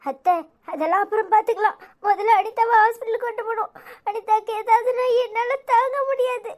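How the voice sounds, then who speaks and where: A woman's voice: very high voice, steady tone, a little fast. A woman doing a frantic young village woman. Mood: urgent. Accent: Tirunelveli Tamil. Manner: urgent, tearful, giving orders.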